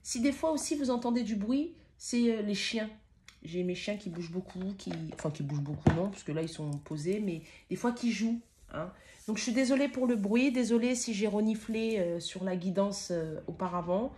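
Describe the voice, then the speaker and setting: A woman's voice: medium pitch, warm tone, slight background noise. Chatty French tarot reader, a woman. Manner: chatty, interjecting with frequent "hein", exclaiming over the cards; speaks fast and stammers at times while channeling. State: sniffly, runny nose. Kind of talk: spiritual tarot reading. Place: home with dogs nearby.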